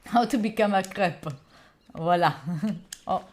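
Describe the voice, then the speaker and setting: A young Italian streamer with a mid-range, darkish voice speaks slowly, her Italian accent audible, as she plays a game live and chats with viewers. Chatty and engaged with chat, she cheers on her character with sudden squeals.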